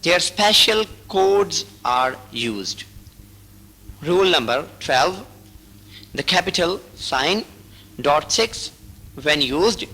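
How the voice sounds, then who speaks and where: A man with a fairly high, bright voice reads instructional rules aloud. He goes very slowly, pausing between short phrases like a patient teacher. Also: husky, low-quality recording. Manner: slow, deliberate reading in short broken phrases. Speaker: teacher reading out braille rules. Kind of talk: slow instructional reading.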